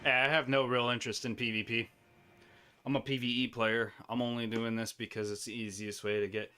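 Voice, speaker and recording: A man's voice: medium pitch, little pitch movement, a little fast, sharp tone, faint music behind. A man giving rambling, joking commentary to himself while playing a game. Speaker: gameplay streamer. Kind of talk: casual gameplay commentary.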